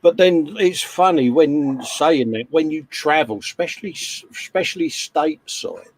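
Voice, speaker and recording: A man's voice: a little high, normal speed, no room sound. A man with an English accent tinged with Scouse, hosting a model-building stream in casual, rambling chat and laughing often. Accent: English with a slight Scouse hint.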